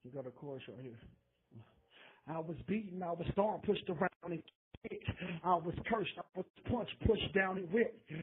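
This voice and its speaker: A raspy, fairly high-voiced man heard over a prison phone line that makes him thin and tinny. He recites his own verse in a rhythmic, chanted way. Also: moderate pace. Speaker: inmate calling in.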